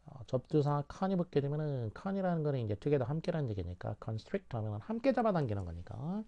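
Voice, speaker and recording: A man's voice: medium pitch, muffled recording. A man teaching English vocabulary through word roots, explaining at length and repeating key words with many fillers.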